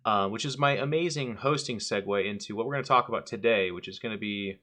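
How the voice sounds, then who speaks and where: A man's voice: on the low side, quick pace, bright, forceful tone. A man hosting a casual podcast chat, joking and rambling loosely as he introduces the talk. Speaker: podcast host.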